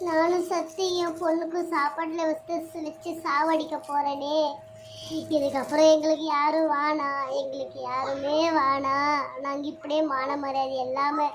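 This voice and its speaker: A woman's voice: sits high, natural voice. A woman voicing a scheming older mother-in-law who laments melodramatically in a homemade serial drama.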